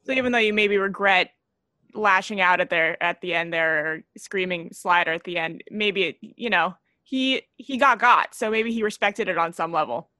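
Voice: medium pitch, normal speed, pushed and bright, no echo, clean studio sound. A podcast host asking casual follow-up questions and laughing often. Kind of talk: casual interview chat.

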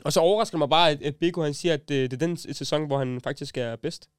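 A young man hosts a laid-back podcast chat, teasing his friends, laughing often and dropping English slang into his speech. His voice sits a little high with a clean tone, recorded in a clean studio with no echo.

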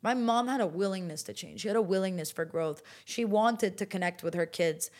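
A woman's voice: mid-range voice, fairly quick, darkish tone. A young woman, a fashion model, talking casually as a guest in an interview, chatty and full of filler words. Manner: chatty, storytelling, many "like" fillers.

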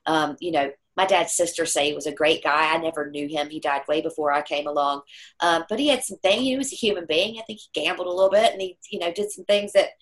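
A woman's voice: low voice, fast talker. A middle-aged woman telling a personal story in conversation, acting out the voices of the people she quotes. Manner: animated storyteller who acts out quoted voices.

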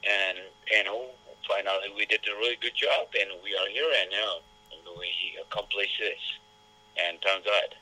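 A man with an Ethiopian accent, a boxing coach whose first language is Amharic, speaking haltingly in an interview. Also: lowish voice, steady tone, sharp tone, rough recording. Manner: halting, repetitive phrasing in a second language. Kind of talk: casual interview talk.

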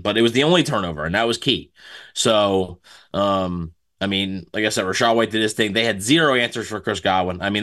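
A man co-hosting a sports podcast, giving casual post-game analysis in a halting, conversational way. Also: fairly low pitch, fairly bright tone.

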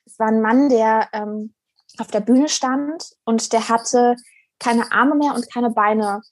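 A young woman speaking as a podcast guest, talking earnestly and reflectively, with frequent pauses and restarts. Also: a little high, no room sound. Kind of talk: casual interview conversation.

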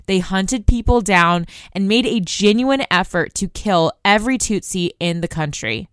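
A woman's voice: mid-range voice, animated, normal speed, clean tone, dry recording, studio quality. A young woman from the United States hosting a news podcast, explaining a story in a conversational way and talking straight to her listeners. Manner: conversational, addresses listeners directly.

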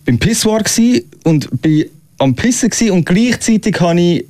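Higher-pitched Swiss German man, chatting. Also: big pitch swings, moderate pace, dark tone. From Switzerland. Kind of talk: casual chat, storytelling.

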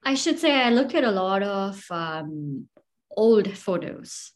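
A woman's voice: mid-range voice, sing-song, slow. Hesitant, self-deprecating woman in casual chat. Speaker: fashion designer.

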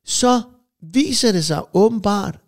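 A middle-aged man with a gravelly, slightly higher-pitched voice, spinning long rambling stories in a relaxed podcast chat. His tone is dark and mellow, and he peppers his tales with casual swearing. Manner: rambling anecdotes with lots of swearing. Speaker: podcast co-host.

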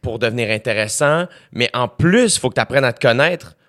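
A man's voice: medium pitch, animated, moderate pace, fairly bright tone. A man hosting a casual podcast, agreeable and tossing in English phrases. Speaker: podcast host.

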